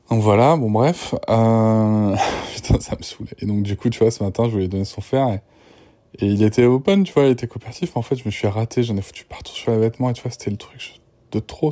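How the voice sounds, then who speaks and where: A man's voice: on the low side, dark tone. A young man, worn out, rambling through a casual voice memo with many restarts. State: exhausted. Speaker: father recording voice diary.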